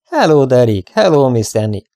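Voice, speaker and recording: A man's voice: mid-range voice, lively intonation, creaky, a little mellow, dry recording, clean studio sound, voice pushed up. A man voicing a jolly male ranch hand who calls out greetings and brings news in a hearty manner. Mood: cheerful.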